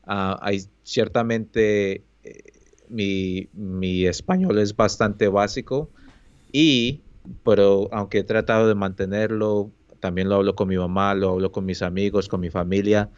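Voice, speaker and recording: Low-voiced Colombian-born man, dull dry mic. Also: steady tone, unhurried, smooth, no room sound. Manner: thoughtful, hesitant, many fillers. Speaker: podcast co-host. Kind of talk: casual chat.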